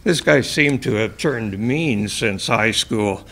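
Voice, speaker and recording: A man reading a first-person short story aloud in a dry, measured way. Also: lowish voice, expressive, fairly bright tone, slight background noise. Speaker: story reader.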